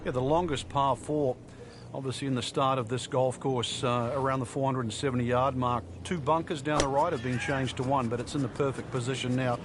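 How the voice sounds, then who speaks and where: A man's voice: medium pitch, steady tone, fairly quick. A man working as a golf analyst in broadcast commentary, explaining things in a conversational way. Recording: outdoor crowd and background noise.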